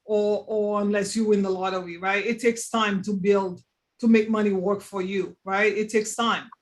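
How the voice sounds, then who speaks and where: Casting: high-pitched male host, emphatic, keeps asking "right?", live online chat. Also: flat delivery, normal speed. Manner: emphatic, checks agreement with repeated "right?". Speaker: host of money talk show. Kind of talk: casual panel chat.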